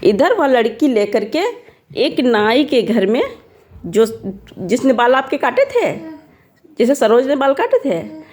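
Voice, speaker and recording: A woman storyteller telling a folk tale to children, often pausing to ask her listeners questions. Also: fairly high pitch, sing-song, darkish tone. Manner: asks listeners questions as she tells.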